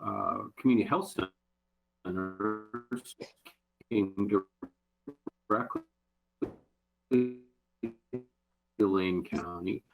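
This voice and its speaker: A man briefing a county board over a remote call, his audio cutting out and breaking up, halting with many fillers. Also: on the low side, soft background music, rough recording. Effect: remote audio cutting out, connection breaking up. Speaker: county staff presenting to a board. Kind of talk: public meeting briefing.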